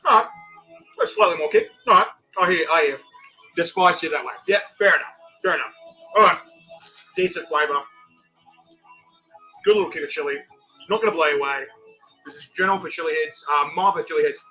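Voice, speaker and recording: New Zealand man, bright forceful voice, slightly high pitch, casual rambling reviewer, repetitive phrasing. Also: poor audio. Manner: rambling, repeats himself. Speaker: food review host. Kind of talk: casual live review chat.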